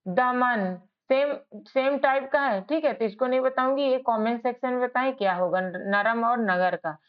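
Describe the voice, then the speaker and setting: A woman's voice: a little high, moderate pace. A woman teaching basic spelling, sounding words out letter by letter and checking in often with "ok". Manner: checks in with "ok" and "theek hai". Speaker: English teacher. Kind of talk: slow spelling lesson. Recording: dull lo-fi sound.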